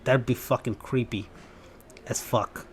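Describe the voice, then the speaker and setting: A man from Bangladesh reacts casually to a clip, laughing often and restarting his sentences as he goes. His voice sits at a plain middle pitch. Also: fairly even intonation. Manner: laughing, halting, with frequent restarts. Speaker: reaction video host.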